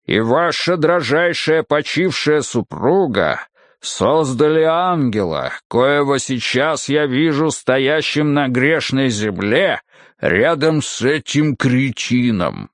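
A man voicing a hulking, menacing and scornful brute in an audiobook, with a deep, guttural, rumbling voice and a slow, drawn-out delivery. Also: lively intonation, no room sound, studio quality. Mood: declaiming.

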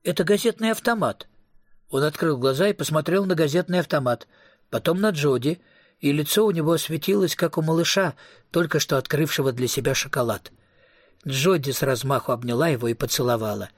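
A man narrating a novel as an audiobook reader, in an even, wry storytelling manner. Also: a little high, a little fast, dry recording, clean studio sound.

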